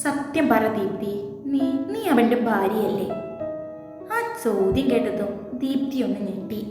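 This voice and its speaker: A woman voicing an indignant young wife, hurt and bitter, speaking in sharp, reproachful tones. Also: fairly high pitch, close to an everyday voice. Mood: demanding. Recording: heavy echo, reverb, faint music.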